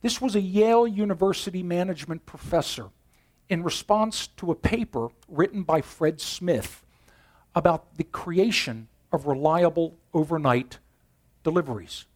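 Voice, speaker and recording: A man in his fifties preaching a sermon in a conversational way, moving between loud emphasis and quiet intensity. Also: fairly high pitch, animated, moderate pace. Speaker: pastor.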